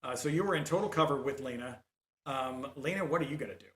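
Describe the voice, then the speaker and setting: A man running a tabletop game as game master, talking in halting bursts full of fillers and restarts. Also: mid-range voice, echoey room.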